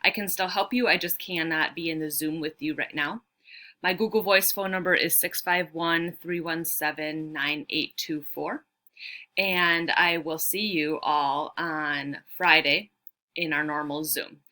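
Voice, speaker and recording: A woman teacher giving a friendly, clear recorded announcement to her class. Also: sits low, fairly even intonation, unhurried, bright, forceful tone.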